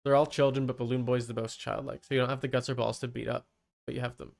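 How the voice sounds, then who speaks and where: Chatting casually while streaming a horror game, this livestream host comes across as blunt, argumentative, and prone to swearing. He talks fast in a medium-pitched voice with vocal fry and little pitch movement.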